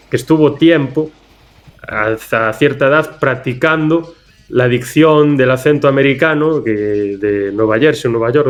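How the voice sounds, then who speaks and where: Man chatting about films. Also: mid-range voice. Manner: rambling, anecdotal, frequent restarts. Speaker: film podcast host. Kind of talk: casual film discussion.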